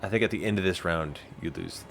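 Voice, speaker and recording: A man playing a tabletop game, talking through his character's actions and breaking into shouted in-character lines. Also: sits low, quick pace, soft background music. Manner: animated, bursts into shouted in-character yelling. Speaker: player.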